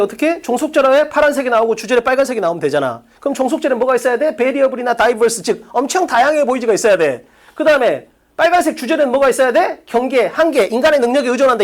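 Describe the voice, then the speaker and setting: A woman lecturing an exam-prep English class, her high voice leaping up and down as she drives each point home. She peppers the room with rhetorical questions and bluntly calls students stupid, swearing freely. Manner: blunt, rapid-fire rhetorical questions, insults students with profanity. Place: academy classroom with blackboard.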